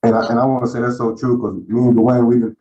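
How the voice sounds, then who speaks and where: A man's voice: medium pitch, little pitch movement, fast, dark tone. Easygoing man on dull call audio. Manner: easygoing, repeats words. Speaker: panel moderator. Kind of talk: casual panel talk.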